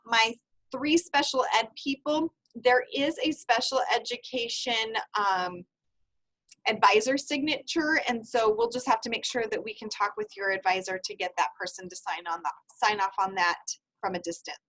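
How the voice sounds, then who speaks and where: A woman in her thirties with a slightly high voice walks a group through a process during an online seminar. She talks briskly and in a friendly way, step by step, as if ticking items off a checklist. Her voice comes through a video call microphone. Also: a bit bright, low-quality recording. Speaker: university field experience coordinator. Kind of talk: online seminar presentation with screen sharing.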